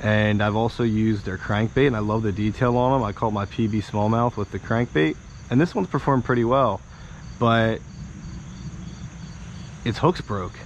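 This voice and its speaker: Speaking at a moderate pace with long pauses, an American man in his thirties talks folksily to his audience while fishing a small wooded creek. His voice runs on the low side, and the action-camera recording is muffled, with insects and outdoor noise.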